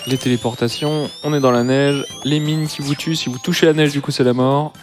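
A man calls a live speedrun, laying out how the game works in plain steps with a dry joke now and then. His voice sits at an ordinary middle pitch. Soft music plays faintly underneath. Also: steady tone, fairly quick. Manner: explains game rules with dry jokes. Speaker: speedrun commentator.

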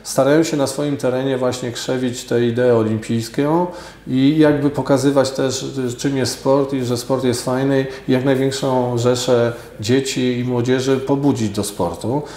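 A man in his forties, a sports official answering radio interview questions in a measured, hesitant way with many fillers, in an office studio on a lapel mic. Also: mid-range voice, steady tone, warm tone. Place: office studio with glass table. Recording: roomy echo.

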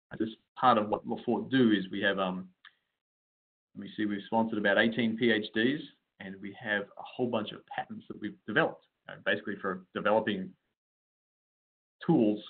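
A man's voice: on the low side, breathy edge. A man giving a casual webinar lecture on winemaking yeasts, loose and conversational, with frequent fillers and restarts. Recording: tinny phone-like audio.

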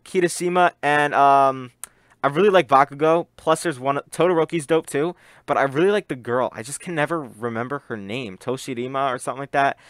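A man's voice: mid-range voice, a bit bright, no room sound, clean studio sound. A man hosting a reaction video, talking in a hyped, slangy, rambling way, his voice muffled by a face mask. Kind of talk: casual reaction vlog. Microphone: desk microphone.

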